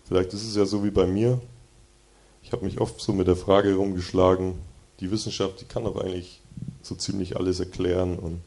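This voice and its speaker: A man's voice: low voice, level tone, fairly quick, dark tone. A man giving a devotion in a church setting, reading Bible verses and talking earnestly and conversationally to his listeners. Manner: earnest, conversational, reads verses with more force. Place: church hall with slide projection.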